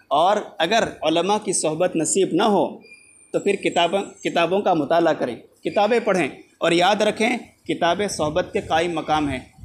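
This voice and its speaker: High-voiced man preaching a Friday sermon. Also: slight background noise. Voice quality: clears throat now and then. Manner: emphatic, repeats key lines for the congregation. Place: mosque.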